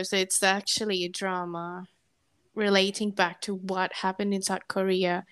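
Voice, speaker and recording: A woman in her early thirties co-hosts a casual podcast and tells her stories in an easygoing, chatty way. Her voice sits at a middle pitch and sounds dry and close, with no room around it. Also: fairly bright tone, dry recording. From Indonesia. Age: early 30s. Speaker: podcast co-host.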